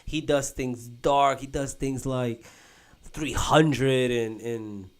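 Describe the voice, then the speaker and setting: A young man hosting a casual podcast chat, rambling and animated, with lots of "bro" and restarts. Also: medium pitch, slow. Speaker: podcast host. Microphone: podcast mic.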